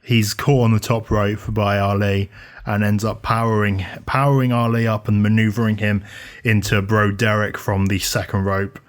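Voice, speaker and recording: A man's voice: on the low side, little pitch movement, moderate pace. A man co-hosting a podcast, casually recapping wrestling matches in detail with many fillers and restarts. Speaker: podcast co-host. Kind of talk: casual wrestling review chat.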